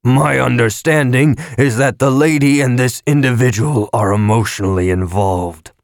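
A man voicing a floating creditor balloon in an audiobook, with a squeaky, piping, shrill voice and a self-righteous, scolding manner. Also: no room sound, studio quality. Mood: insistent. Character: shrill nagging debt-collector balloon, floating thing. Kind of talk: audiobook narration with character voices.

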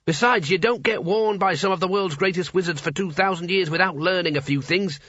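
A man's voice: sits high, a little fast, a bit bright, dry recording, lo-fi sound, voice pushed up. A man voicing a grandiose, imperious ancient wizard's hat. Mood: lofty. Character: pompous ancient talking wizard's hat, male.

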